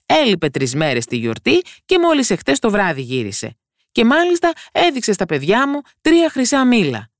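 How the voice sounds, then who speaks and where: A woman's voice: fairly high pitch, wildly swooping pitch, no echo, clean studio sound, pitched above the performer's own voice. A woman voicing a chatty male royal gardener in a fairy tale, telling gossip with amusement. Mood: amused. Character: cheerful middle-aged male royal gardener.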